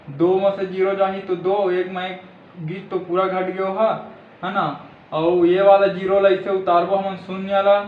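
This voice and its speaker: A maths teacher with a Chhattisgarhi accent and a fairly high voice walks through an exercise step by step in a classroom-style lesson. He patiently checks in after nearly every step, repeating "thik hai" and calling his viewers friends. The room echoes, and the sound is a little dull with faint hiss.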